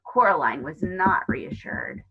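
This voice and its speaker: A woman teacher reads a children's book aloud in a calm, steady manner. Her voice sits fairly low, and the recording sounds dull and lo-fi. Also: unhurried, husky. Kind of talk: storybook read-aloud.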